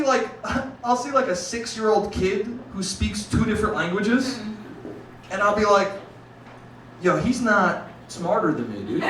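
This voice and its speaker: Recorded from a distance with roomy live club acoustics and a little hiss or hum, a young comic works a laughing crowd, cursing casually and addressing them as dude and bro. His voice sits high with a fairly bright tone.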